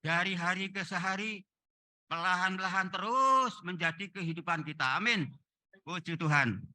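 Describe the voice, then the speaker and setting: A man's voice: high voice, normal speed, sharp tone, dry recording. A man preaching a sermon, exhorting the congregation and addressing them directly again and again. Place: church gathering hall.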